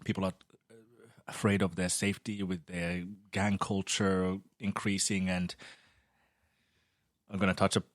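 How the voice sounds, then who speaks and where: A man's voice: deep voice, level tone, unhurried, long pauses, dry recording, studio quality. A man from Finland, a podcast guest talking earnestly with frequent restarts. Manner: earnest, thoughtful, with many restarts. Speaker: guest, local election candidate. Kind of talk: casual podcast chat.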